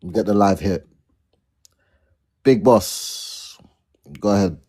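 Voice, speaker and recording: A man's voice: on the low side, dark tone. A man moderating a live online debate, handing the floor to callers and keeping things moving. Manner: brisk, directive. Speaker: host.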